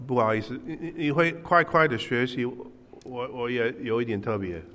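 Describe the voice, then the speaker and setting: A man preaching in short, halting, conversational phrases, pausing for an interpreter. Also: medium pitch, lively intonation, fairly bright tone. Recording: echoey hall with long reverb.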